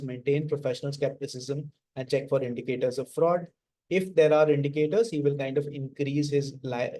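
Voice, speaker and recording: A man's voice: mid-range voice, mellow, poor audio. A man with a North Indian accent giving a conversational classroom lecture as a teacher, informally dropping Hindi interjections into his English.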